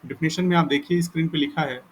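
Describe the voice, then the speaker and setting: A man teaching a recorded lesson, explaining step by step and repeating points, reading definitions aloud slowly. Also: a little high, fairly even intonation, a little hiss or hum. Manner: explains slowly in Hindi, reads English definitions aloud haltingly with pauses. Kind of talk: recorded lecture.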